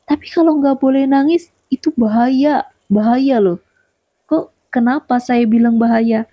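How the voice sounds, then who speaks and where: A woman's voice: on the high side, unhurried, dry recording, highs cut off. A woman giving a motivational talk straight to her viewers, often repeating her points and asking them questions. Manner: repeats key points, asks the listener questions. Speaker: motivational YouTuber. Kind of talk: direct-to-camera motivational talk.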